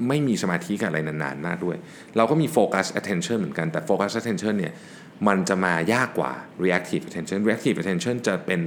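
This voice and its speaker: A man with a low, deep voice gives a relaxed solo talk on working better. He explains things casually, slipping English work terms into his sentences. A faint background noise sits under his voice. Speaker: podcast host and business owner.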